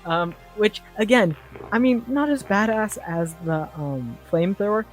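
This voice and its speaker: Slow, hesitant tabletop game player. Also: medium pitch, expressive, faint music behind. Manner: slow, hesitant, thinking aloud. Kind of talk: casual chat in a tabletop game.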